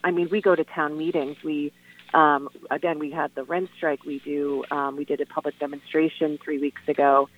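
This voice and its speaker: A woman speaking over the phone as a guest on a call-in radio show, earnest and halting, with lots of "um" and "you know". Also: deep voice, little pitch movement. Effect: heard over the phone. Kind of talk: casual radio phone interview. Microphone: telephone. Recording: tinny, dry phone line.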